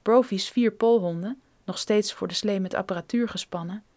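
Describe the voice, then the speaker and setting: A woman reading a thriller audiobook in a steady, measured storytelling manner. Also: mid-range voice. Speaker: narrator.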